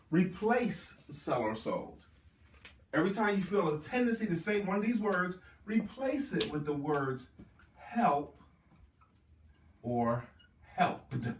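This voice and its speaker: A man's voice: high-pitched, reverberant, recorded from a distance, slight background noise. A man giving a motivational sales seminar talk as a trainer, speaking emphatically and repeating key words for stress.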